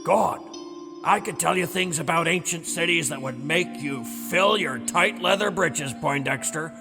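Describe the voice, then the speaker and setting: In an audio drama, an actor plays a gruff old veteran who once slew dragons, defensive and blustery, sounding haunted and weary. His male voice is a little high and unhurried, gravelly and rambling as he tells his story, and he stammers when challenged. Music plays behind him in a reverberant hall.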